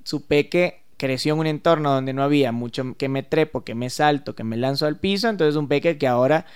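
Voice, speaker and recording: Smooth-voiced man explaining music therapy. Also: on the high side, brisk. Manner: explanatory, thinks aloud with hesitations. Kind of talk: casual podcast interview.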